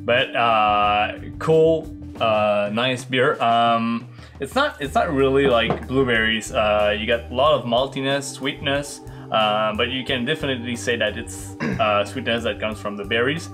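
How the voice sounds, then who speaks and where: A young man co-hosting a casual beer review at a home bar, talking in a relaxed, halting way and teasing his partner. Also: medium pitch, soft background music. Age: young adult. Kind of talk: casual chat.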